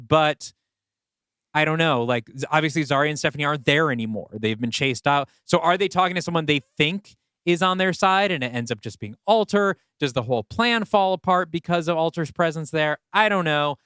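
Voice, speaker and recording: A man who writes and co-hosts a podcast brainstorms story ideas casually, thinking aloud in a tentative way. His voice is a little high, brisk and fairly bright, recorded smooth with studio quality and no room sound.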